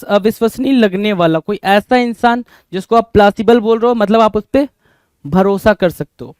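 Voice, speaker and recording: High-voiced Indian man teaching vocabulary. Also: darkish tone, smooth, no echo. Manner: keeps asking the class rhetorical questions, calls them "bhai". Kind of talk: exam-prep vocabulary lesson.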